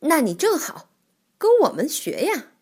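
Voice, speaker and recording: A woman voicing a polite, scheming male stork in a children's storybook, smooth and coaxing. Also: sits high, wildly swooping pitch, a little slow, darkish tone, voice pushed up, full character voice. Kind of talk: storybook reading.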